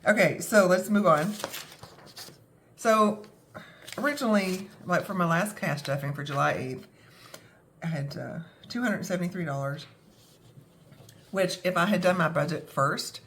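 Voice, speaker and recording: A woman's voice: fairly low pitch, unhurried, long pauses, a bit bright. A young adult woman with a scratchy throat from a cold, talking casually and self-deprecatingly, with many fillers. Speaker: budgeting vlogger. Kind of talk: casual talk to camera.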